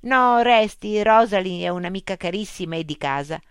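A woman's voice: medium pitch, animated, moderate pace, smooth, no echo, clean studio sound, pitched above the performer's own voice, close to an everyday voice. A woman voicing an informal, direct woman illustrator welcoming a guest. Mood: casual.

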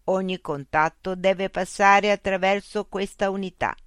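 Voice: mid-range voice, steady tone, unhurried, fairly bright tone, clean tone, dry recording, studio quality, voice pushed up, lightly acted. A narrator voicing a cold bureaucratic machine information unit that recites rules in a rigid, officious way. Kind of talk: audiobook character voice.

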